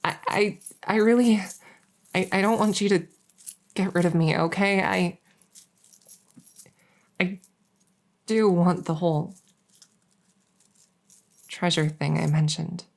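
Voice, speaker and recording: In an intimate audio roleplay addressed to the listener, a woman plays a flustered, world-weary young princess, heir to a throne, with a creaky, lowish voice and fairly even intonation. She sounds anxious and pleading, speaking hesitantly and haltingly in a confiding way with trailing pauses.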